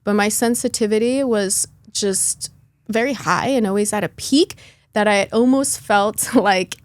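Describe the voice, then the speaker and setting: A young adult woman born in Lithuania and raised in Chicago shares her personal story as a podcast guest. Earnest and chatty with lots of fillers, she speaks at medium pitch, a little slowly, in a dry recording.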